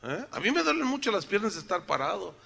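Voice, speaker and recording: A man's voice: high-pitched, big pitch swings, quick pace, creaky, bright, forceful tone, slightly rough. An older male pastor, preaching in a church in a joking, conversational way, full of rhetorical questions to the congregation, his throat slightly sore. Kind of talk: sermon. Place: church sanctuary.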